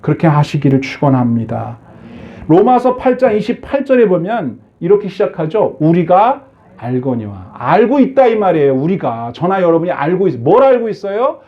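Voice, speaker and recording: A man's voice: high voice, sing-song, brisk, lo-fi sound. A male pastor preaching a sermon, asking his congregation many questions and acting out the voices he quotes.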